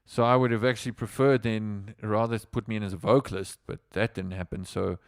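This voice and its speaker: On a casual livestream, a South African man who speaks Afrikaans natively, a musician, tells rambling stories packed with fillers and restarts. He speaks briskly in a lowish, steady voice with vocal fry. The recording is clean studio sound without echo.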